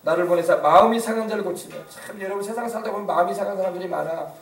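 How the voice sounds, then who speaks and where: Male pastor preaching, high voice, keeps asking the crowd questions, echoey church, mic kinda far. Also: rapid-fire, vocal fry, soft background music. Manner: asks the congregation questions, emphatic preaching. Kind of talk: sermon.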